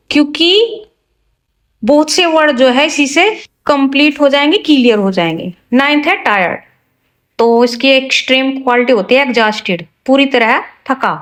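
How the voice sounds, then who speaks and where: A woman teaching English vocabulary, speaking slowly and deliberately through each example, with casual asides to the listener. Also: high-pitched, low-quality recording. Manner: slow and deliberate, spelling out examples word by word. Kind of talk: explaining a vocabulary lesson.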